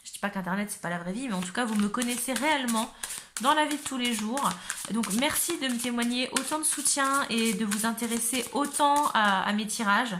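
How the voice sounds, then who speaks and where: A hoarse woman from north-eastern France with a north-eastern French accent, giving a chatty, giggly tarot reading to her viewers, often searching for words. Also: fairly high pitch, a little fast, roomy sound, noisy background. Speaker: tarot reader. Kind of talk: casual tarot reading to camera.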